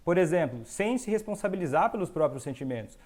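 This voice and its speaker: Brazilian man, higher voice, expressive pitch, teaching monologue, slips into quoted voices. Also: fairly quick. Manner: acts out quoted voices of children and parents. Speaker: host, doctor. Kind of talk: educational monologue.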